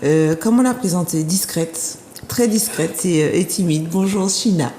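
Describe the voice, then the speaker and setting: A woman's voice: fairly low pitch, measured pace. Chatty woman host in an echoey room. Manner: warm, chatty, playful teasing with repeated words. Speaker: talk show host. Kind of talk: casual interview. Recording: echoey room with faint background noise.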